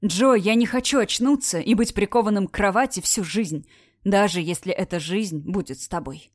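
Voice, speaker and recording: A woman's voice: mid-range voice, normal speed, no echo, studio quality, natural voice. A woman voicing a badly wounded young man who speaks firmly and tenderly, in an audiobook reading. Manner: firm, pleading.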